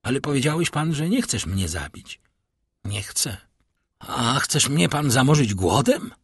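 Husky man reading an audiobook. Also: medium pitch, a little slow, no echo, studio quality. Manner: reads all characters in one voice with lively intonation. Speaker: audiobook narrator. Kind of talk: audiobook reading of a classic novel.

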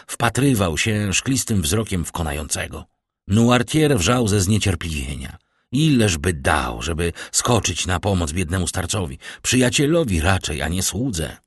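Man, audiobook narrator, husky low voice, lively intonation, dry close sound. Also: no echo.

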